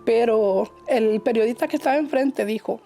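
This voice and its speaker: A woman's voice: a little high, vocal fry, warm tone. Emotional woman giving testimony. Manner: emotional, halting, repeats words. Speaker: church speaker giving testimony. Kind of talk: personal testimony. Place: church.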